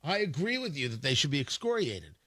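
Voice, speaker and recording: A man's voice: on the high side, very animated, fairly quick, sharp tone, husky. A man hosting a talk radio show, delivering a combative, scornful political monologue with frequent restarts.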